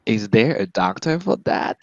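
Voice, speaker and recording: A man doing stand-up, his lowish voice leaping up and down with lively swings of pitch. He giggles at his own punchlines. The sound is dry and a little dull, like a lo-fi stream. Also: takes it slowly, dry recording. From Taiwan. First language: Mandarin Chinese. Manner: laughs at his own jokes, voice jumps high for punchlines. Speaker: stand-up comedian. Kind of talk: stand-up comedy set.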